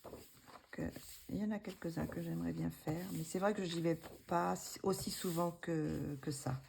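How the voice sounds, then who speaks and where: A woman casually showing her coloring books, hesitant with many fillers and restarts, gently self-deprecating. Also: on the low side, fairly even intonation, moderate pace, gravelly, a little hiss or hum. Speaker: coloring book vlogger.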